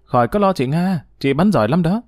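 This is an impulsive young lad in a spoken storybook, excitable and cheeky, pitched above the reader's own voice. He is played by the male narrator. The sound is dry and close. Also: brisk, no room sound, close to an everyday voice. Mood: eager.

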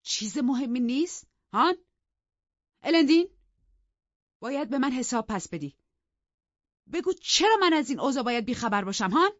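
A woman's voice: sits high, lively intonation, pauses often, fairly bright tone, dry recording, lo-fi sound, voice pushed up. A woman voicing a stern, wounded husband in an audiobook, reproachful and demanding.

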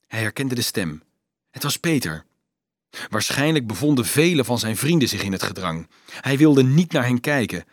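A male audiobook narrator with a mid-pitched, slightly husky voice, reading in a dramatic and expressive way. His pitch rises and falls a lot with the tension of the story, and the close recording is dry, with no room echo. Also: normal speed. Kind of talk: scripted narration.

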